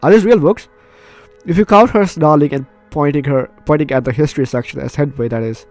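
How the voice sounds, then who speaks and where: A gaming YouTuber does a let's play, reading a visual novel's text aloud and breaking off into playful, chatty asides and casual reactions. His voice is a little high, brisk, and darkish, in a dry recording with faint music behind.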